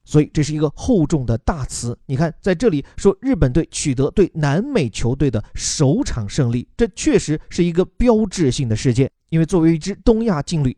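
Man, young adult, lesson podcast, spells words out letter by letter, slightly high voice, dry sound. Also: warm tone, no echo. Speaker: English teacher explaining a news text. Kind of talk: podcast lesson mixing Chinese and English.

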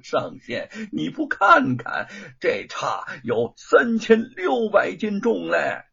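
A man's voice: sits high, huge pitch swings, slow pace, creaky, sharp tone, husky, pitched above the performer's own voice, exaggerated voice. A man voicing a placating Dragon King in a told story, drawn out and coaxing. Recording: dull lo-fi recording.

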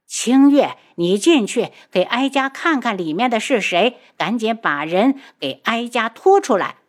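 A woman voicing a stern, elderly empress dowager who speaks in a sharp, commanding way. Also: medium pitch, lively intonation, a little slow.

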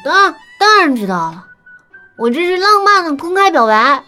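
A woman's voice: extremely high pitch, very animated, normal speed, voice pushed up, exaggerated voice. A woman voicing a brash, tipsy young woman who talks bluntly and stammers when flustered, in an audiobook scene. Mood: declaring boldly. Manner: stammering, exclamatory. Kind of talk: audiobook character dialogue. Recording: soft background music.

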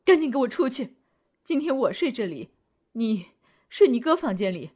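A woman's voice: fairly high pitch, very animated, normal speed, dark tone, breathy edge, voice pushed up. A woman voicing a stern, angry middle-aged mother who scolds and gives orders. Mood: scolding. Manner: scolding, commanding.

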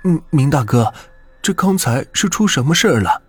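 A grieving village wife from a spoken ghost story, pleading in a tearful, high-pitched voice, as a man puts her on. The voice sounds husky and rough, close and dry. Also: lively intonation, moderate pace, dry recording, soft background music. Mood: anxious. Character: grieving village wife, a middle-aged woman.

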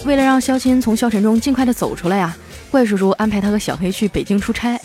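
A woman hosting a comic storytelling podcast, chatty and lively, stretching out her sentence endings. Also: on the high side, quick pace, faint music behind. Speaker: host.

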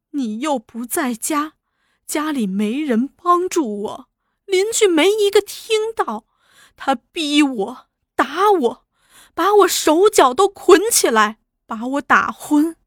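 A wronged young wife in a storybook reading, pleading through sobs, as a woman reader puts her on. Her voice sits high and moves slowly. It sounds close and dry. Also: fairly bright tone, no room sound, heavily acted. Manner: sobbing, pleading speech.

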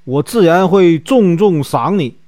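A man's voice: a little high, animated, a little slow, darkish tone, no echo, clean studio sound. A man doing a spoiled arrogant young nobleman. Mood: haughty. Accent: Northeastern Mandarin.

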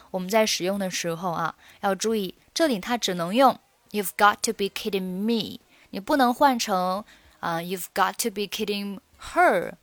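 A woman teaching English phrases in Mandarin, patiently repeating each key word slowly and reading example sentences aloud. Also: medium pitch, a bit bright, no room sound.

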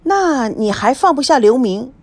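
A woman's voice: sits high, big pitch swings, moderate pace, full character voice. A woman voicing a heartbroken young woman who pleads through tears. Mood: earnest. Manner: pleading, tearful questioning.

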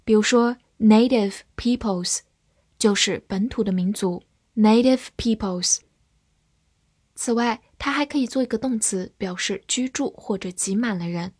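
A woman teaching English vocabulary to learners, spelling each word letter by letter and reading the examples slowly. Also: medium pitch, a little mellow, breathy edge, no room sound, clean studio sound. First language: Chinese. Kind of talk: vocabulary lesson.

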